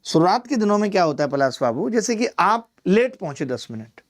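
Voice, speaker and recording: A man's voice: sits high, very animated, fairly quick. A man teaching a live online maths class, chatty and teasing, who explains step by step and repeats key numbers. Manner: chatty, teasing asides to students by name.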